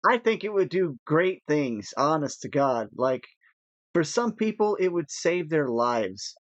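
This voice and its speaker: A man chatting casually while gaming, rambling with nervous laughs and animated asides. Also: on the high side, a little slow, dry recording, muffled recording. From United States. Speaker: gaming podcast co-host.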